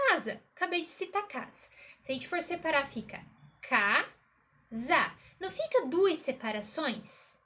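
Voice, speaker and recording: Slow-talking high-voiced woman teacher. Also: a bit bright. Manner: slow, encouraging, checks in with "né?". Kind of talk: remote lesson for a child.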